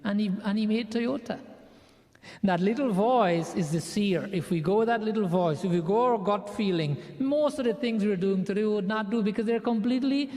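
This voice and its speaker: A man's voice: high-pitched, mellow. A man leading a prayer session, giving an earnest spiritual sermon and repeating phrases for emphasis. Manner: measured delivery, building lists of phrases. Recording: long hall reverb.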